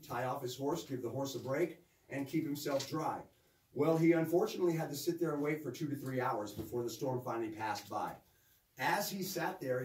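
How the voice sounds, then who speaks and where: A visitor's phone, held several metres off, captures a tour guide's medium-pitched, darkish voice echoing through a cave with narrow passages, along with faint noise. The man leads a group with informal, folksy storytelling and polite directions.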